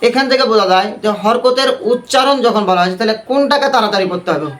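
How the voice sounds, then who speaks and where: A man's voice: high-pitched, rapid-fire, fairly bright tone. A man teaching a Quran recitation class, quizzing the class with repeated questions and leading call-and-response.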